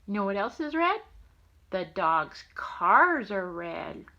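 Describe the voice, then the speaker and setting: An older woman reads a picture book to her young grandchild and chats with them playfully, sing-song and affectionate. Her mid-range voice is very animated and slow, and the sound is lo-fi.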